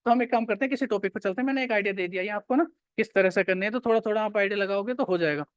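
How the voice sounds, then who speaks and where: A man's voice: sits high, very fast, clean tone, no echo, muffled recording. Man lecturing a class, quizzing students. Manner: repeats key points and quizzes students. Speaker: teacher.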